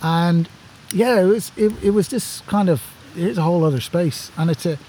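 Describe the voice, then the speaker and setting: An Irish forestry worker, a guest on a podcast, talks eagerly and casually outdoors among camping gear. His high-sitting voice is mellow and soft-edged at normal speed, and he often repeats words while gathering his thoughts. Faint outdoor ambience and a little hiss or hum sit behind him.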